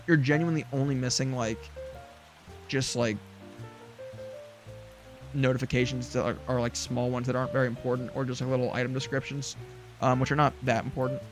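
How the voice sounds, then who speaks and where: Rambling young-sounding man streaming a game. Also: mid-range voice. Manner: rambling, many fillers and restarts, chuckles. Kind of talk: casual gameplay chat.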